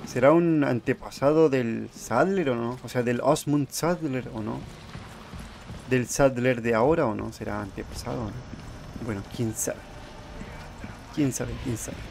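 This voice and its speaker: A man casually commenting on his own video game playthrough, excitable and quick to yell in panic when things go wrong. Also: mid-range voice, gravelly, a little hiss or hum. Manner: excitable, yells in panic during fights, talks to the character. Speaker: gameplay commentator. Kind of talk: casual let's-play commentary.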